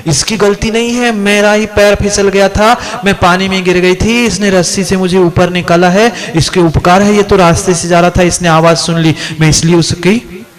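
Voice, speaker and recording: A man putting on a shrill cunning village girl. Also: fairly even intonation, moderate pace, close to an everyday voice. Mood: insistent. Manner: shrill, dramatic pleading. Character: cunning young village water-carrier woman.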